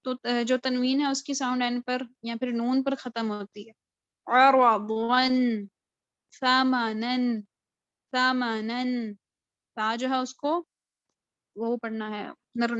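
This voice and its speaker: High-voiced woman drilling recitation letter by letter on a video call, dry muffled sound. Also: no room sound. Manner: patient letter-by-letter drilling, slow spelled-out syllables. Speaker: Qur'an recitation teacher. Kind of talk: live online tajweed lesson. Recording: dull lo-fi video call audio.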